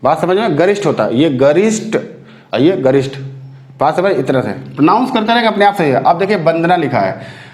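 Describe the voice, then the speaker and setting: A man's voice: fairly high pitch, sing-song, brisk. A male teacher giving an exam-prep spelling lesson. He explains patiently, repeats each word, and keeps asking his students whether they have understood. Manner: explains patiently, repeats words and asks the class questions. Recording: echoey room.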